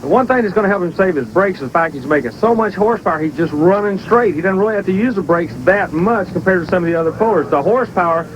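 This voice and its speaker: A male tractor pull announcer with a high voice and a quick pace. He reports from trackside in a folksy, enthusiastic way, with clear engine noise around him. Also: lively intonation. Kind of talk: energetic sports commentary and interviewing.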